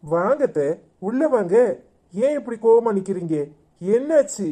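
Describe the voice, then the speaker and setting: A grave young husband with a very dark, mellow tone and a Tirunelveli Tamil accent, as a woman puts him on. He speaks in a cartoon, flat and threatening. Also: a little high, measured pace, voice pushed down. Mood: puzzled. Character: grieving stern young husband.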